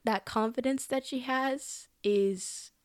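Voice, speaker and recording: Lively young woman chatting on a podcast. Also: a little high, slow pace, clean tone, dry recording, clean studio sound. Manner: animated, acts out character lines with laughs. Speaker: podcast co-host. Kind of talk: casual review chat.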